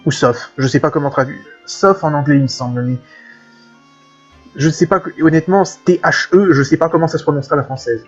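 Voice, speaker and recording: A man's voice: fairly high pitch, fairly quick, slightly rough. A man giving casual, chatty commentary on a video game and thinking aloud in asides. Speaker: let's play gamer. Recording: dull lo-fi with faint game music.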